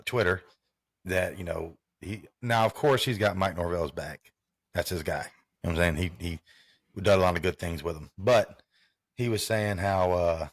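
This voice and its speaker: A man with a lowish voice talks football in a loose, rambling way, circling back over the same phrases. The sound is dry and close. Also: no room sound. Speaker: podcast co-host. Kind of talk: casual sports chat.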